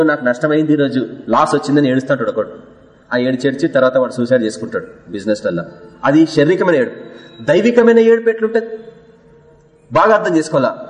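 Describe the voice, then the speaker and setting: Preacher in an echoey hall. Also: male voice, on the high side. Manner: preaching with rhetorical questions and acted-out quotes. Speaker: pastor. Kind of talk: sermon.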